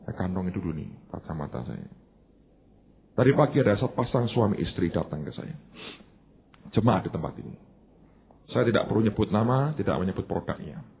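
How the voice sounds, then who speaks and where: A middle-aged man, a pastor, preaching a sermon in an animated storytelling way, acting out dialogue and leaping up in pitch for emphasis, with English words dropped into his talk. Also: fairly quick, gravelly, pauses often, phone-quality sound, a little hiss or hum.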